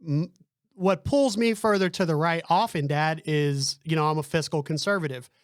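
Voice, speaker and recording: A man's voice: on the high side, fairly even intonation, moderate pace, no echo, studio quality. Chatty man hosting a podcast. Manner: chatty, lots of fillers and "right?". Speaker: podcast host. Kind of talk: casual podcast chat.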